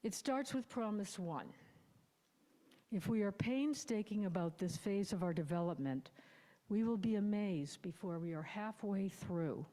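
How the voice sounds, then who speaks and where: A woman's voice: mid-range voice, lively intonation, a little slow, warm tone. A woman around sixty, sharing her own recovery story in a sermon in a candid, reflective and wry way. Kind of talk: personal testimony in a sermon. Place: church sanctuary. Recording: long hall reverb.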